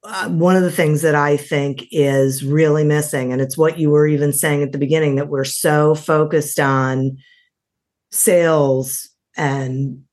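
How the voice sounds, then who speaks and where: A woman's voice: low voice, steady tone, unhurried. A woman hosting a podcast interview, responding to her guest in an affirming way. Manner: warm, affirming. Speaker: podcast host.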